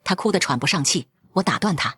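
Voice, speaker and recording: Woman narrator, first-person drama, cold and blunt, low-ish lively pitch. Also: fast, slightly rough, no echo, studio quality.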